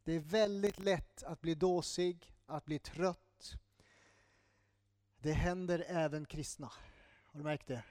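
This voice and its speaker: A man preaching in a church, his voice sitting high for a man. He talks in a lively, chatty way and often breaks off for an aside or a quick apology. The sound is close and dry. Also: no room sound. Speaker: pastor. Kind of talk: sermon.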